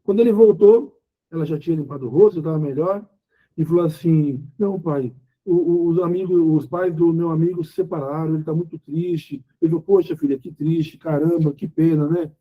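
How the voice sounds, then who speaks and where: A middle-aged man with a Brazilian Portuguese accent preaches an informal sermon to couples while leading a Bible study. His voice is on the high side and a little fast, with phone-quality sound. He talks conversationally, acts out quoted dialogue and asks rhetorical questions.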